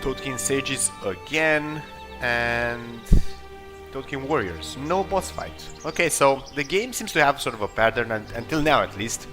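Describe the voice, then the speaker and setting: A man with a medium-pitched voice, lively intonation and a slightly slow pace hosts a let's play, casually improvising commentary and hesitating as he thinks aloud about moves. Video game music and battle sounds sit underneath.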